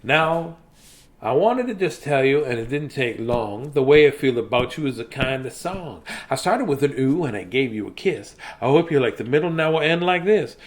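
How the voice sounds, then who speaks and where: Animated and at normal speed, a mid-range male voice reads children's bedtime stories to viewers. He chats casually in a silly, playful manner, scatting in a singsong way.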